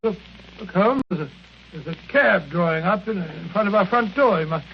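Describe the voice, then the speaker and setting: Casting: indignant British sidekick doctor in vintage radio drama; creaky, spluttering, muffled recording. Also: male voice, high-pitched, lively intonation, normal speed. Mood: flustered, observant. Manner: huffy, stammering, bumbling. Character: blustering, indignant, kindly English doctor sidekick. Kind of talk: mid-century radio drama acting. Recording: dull, noisy old radio recording.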